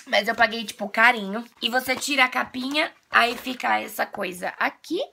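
Bright, creaky young Brazilian woman with a cold. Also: on the high side, moderate pace, slight background noise. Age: 20s. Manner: gushing, animated fan talk. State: slightly nasal, off voice from a coming cold. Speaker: video blogger. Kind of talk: casual chat to camera. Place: small bedroom, indoors.

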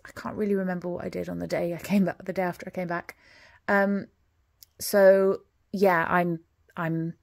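A woman in her forties giving a casual, rambling progress update on her stitching at home, often trailing off into quiet murmurs as she counts. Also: lowish voice, vocal fry, no echo. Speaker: cross-stitch vlogger.

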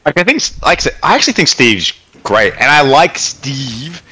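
Young guy streaming games, bright voice, loose profane chatter. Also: medium pitch, very animated, moderate pace, slight background noise. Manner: rambling, profane storytelling. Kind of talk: casual chat while gaming.

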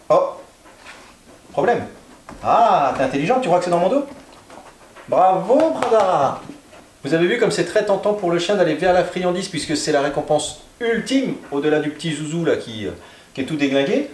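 A man with a slightly higher voice, working as a dog trainer, speaks in a calm, steady way. He gives firm short commands while explaining the exercise indoors at home. The room is echoey.

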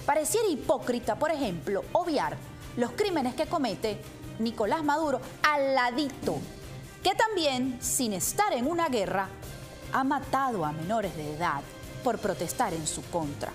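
Woman news anchor, thirties, animated rising and falling delivery, emphatic, studio lapel mic, faint music underneath. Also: fairly high pitch, a little slow. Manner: emphatic, gestures while speaking. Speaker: news presenter. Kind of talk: news report with commentary.

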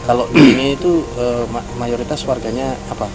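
A man's voice: mid-range voice, a little fast, poor audio. A man in his thirties hosting a casual field interview for a charity campaign, friendly and persuasive, outdoors on a village porch. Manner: friendly, inviting, persuasive appeal. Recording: loud music bed under voice.

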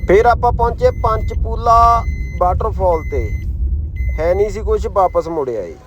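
A man's voice: on the high side, slight background noise. A man with an Indian Punjabi accent narrating a travel vlog in casual, slangy, exclamatory talk. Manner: colloquial, slangy, admiring exclamations. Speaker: travel vlogger.

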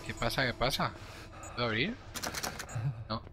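Young male gamer, Castilian accent, jumpy muttered commentary with startled swearing, clear game noise behind him. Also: mid-range voice, animated, a little slow. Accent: Castilian Spanish. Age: young adult. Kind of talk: casual gameplay commentary. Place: small room indoors. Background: horror game ambience.

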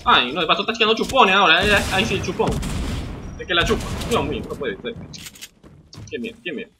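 A man with a Venezuelan accent giving excitable live game commentary, yelping, swearing and talking to himself. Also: high-pitched, quick pace, background noise. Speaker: gamer.

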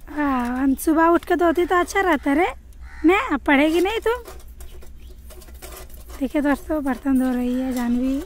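A woman's voice: sits high, animated, a little slow, pauses often, a little hiss or hum. A young woman chatting casually to her viewers in a home vlog, filming herself with a phone held at arm's length around her rural house and yard. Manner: chatty, addresses viewers often. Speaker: vlogger.

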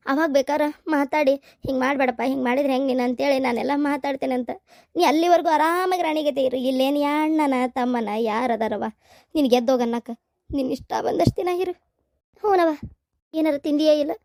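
A woman's voice: sits high, brisk, darkish tone, dry recording, clean studio sound. A woman voicing a worried older mother in a cartoon, lamenting and soothing in a North Karnataka Kannada accent.

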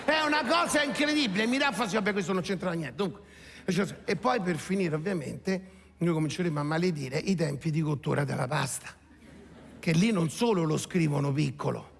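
Exasperated high-voiced male comedian. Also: fairly quick, gravelly, slight background noise. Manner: animated, exasperated, jumps into shouted character bits. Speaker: stand-up comedian. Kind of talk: stand-up comedy monologue. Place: theatre stage before an audience. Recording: echoey hall, faint ambience.

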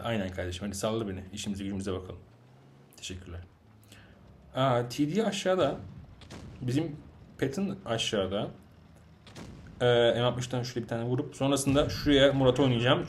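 A man giving live gameplay commentary, answering chat questions and ranting in frustration at his teammates, swinging between loud outbursts and low muttering. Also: slight background noise. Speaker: gaming channel host.

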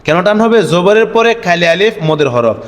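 A man teaching Arabic letter spelling for Quran reading, drilling the syllables slowly in a singsong chant and asking questions that he answers himself. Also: sits high. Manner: asks the viewers questions and answers them himself. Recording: echoey room with long reverb.

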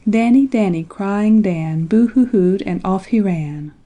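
A woman's voice: medium pitch, expressive, measured pace, warm tone. A woman voicing a sly, mischievous male fox in a storybook, jeering in rhyme. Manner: jeering, rhyming taunts.

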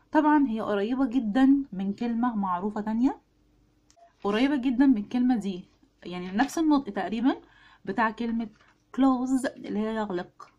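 A woman's voice: on the high side, warm tone, dull audio. A woman with an Egyptian Arabic accent giving a casual video lesson on English pronunciation, chatty and drilling words with her viewers.

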